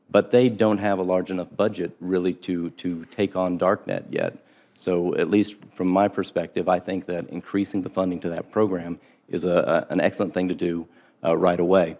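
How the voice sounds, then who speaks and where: A man giving formal testimony as an expert witness in a hearing room, explaining in a measured way and often repeating his first words before an answer. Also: low-pitched, darkish tone.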